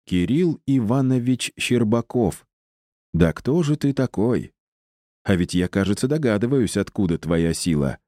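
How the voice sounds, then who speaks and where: A man's voice: fairly low pitch, expressive, a little slow, warm tone, no room sound, studio quality. A man reading the part of a plump, charming male inquisitor priest with a metallic edge, probing and commanding. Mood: musing.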